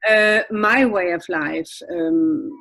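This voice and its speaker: Husky older woman. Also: fairly low pitch, a bit bright, rough recording. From Denmark. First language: Danish. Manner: measured, reflective. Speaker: panel guest.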